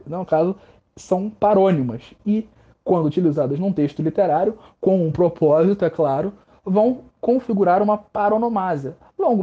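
A mellow-voiced man with a Brazilian Portuguese accent talks through a literature lesson as a podcast host. His delivery is easygoing and full of slang, with small self-mocking jokes. The recording sounds dull and lo-fi. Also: high-pitched. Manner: relaxed, slangy and joking, teasing himself.

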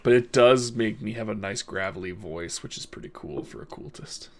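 Man putting on a low gravelly growling cultist. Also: animated, moderate pace. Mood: smug. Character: cultist left gravelly by coal dust, pleased with himself.

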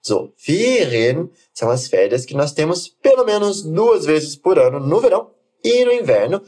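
A man teaching German, saying phrases slowly for the learner to repeat and then explaining them quickly. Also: a little high, a little mellow. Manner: slow, deliberate model phrases alternating with quick explanations. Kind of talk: language lesson with repeat-after-me drills.

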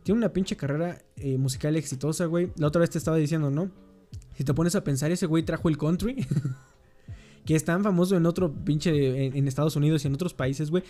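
A man's voice: on the high side, quick pace, dark tone, faint music behind. A young man with a Mexican accent in casual, slangy chat, dropping "güey" every few words. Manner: slangy, says "güey" constantly.

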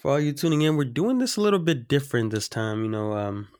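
A man's voice: medium pitch, sing-song, fast talker, darkish tone, no room sound, clean studio sound. A young man with a cold and a congested voice hosts a casual podcast, laid-back and joking, with lots of fillers. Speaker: podcast host. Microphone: remote home recording.

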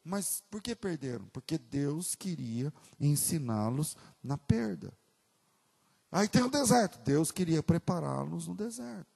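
Gravelly, husky Brazilian pastor preaching. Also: male voice, fairly high pitch, expressive, unhurried, long reverb tail. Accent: Brazilian Portuguese. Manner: builds from conversational asides to loud emphatic preaching. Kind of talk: sermon.

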